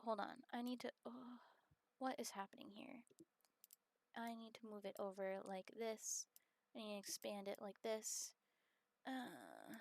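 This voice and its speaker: A woman live-streaming a game, chatting casually and rambling with many fillers, sometimes bursting into excited squealing greetings to her chat. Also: medium pitch, no echo.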